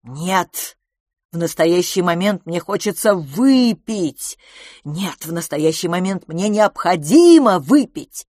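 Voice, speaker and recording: A booming, mocking young man full of demands, voiced by a woman reading a storybook. The delivery swings up and down in a lively way. The sound is dry and close. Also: normal speed, no echo. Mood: indignant. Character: loud brash young man demanding whisky.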